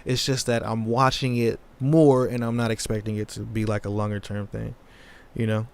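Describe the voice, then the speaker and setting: A man's voice: fairly low pitch, flat delivery, moderate pace, gravelly. A man hosting a casual livestream, answering chat questions in a laid-back, slangy way. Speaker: crypto livestream host.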